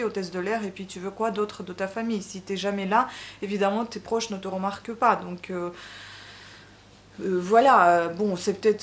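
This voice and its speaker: A woman's voice: medium pitch, a little hiss or hum. A woman from Ukraine, speaking French as a second language, giving a casual book review, hesitant and full of fillers. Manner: hesitant, many fillers and restarts. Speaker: book vlogger.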